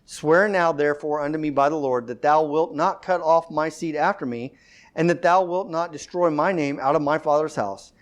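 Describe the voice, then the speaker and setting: A man's voice: on the high side, normal speed. A man teaching an informal Bible study, reading scripture aloud and explaining it in a conversational way, with fillers and self-corrections.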